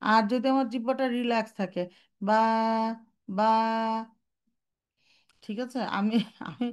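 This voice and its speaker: A young adult woman teaching Quran recitation in an online lesson, explaining step by step, asking and answering her own questions, and mixing English terms into her speech. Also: mid-range voice.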